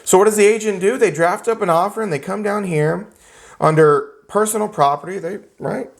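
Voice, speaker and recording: A man teaching a real estate class, lecturing in an animated, joking way and acting out little scenes for the students. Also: sits high, fairly quick, creaky. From United States. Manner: animated, joking, acts out characters.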